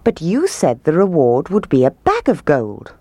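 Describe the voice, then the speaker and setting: Woman as male storybook piper, confident, teasing, deliberate bargainer, lively pitch, close dry sound. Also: husky, no echo, exaggerated voice. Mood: expectant. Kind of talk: children's storybook character voice.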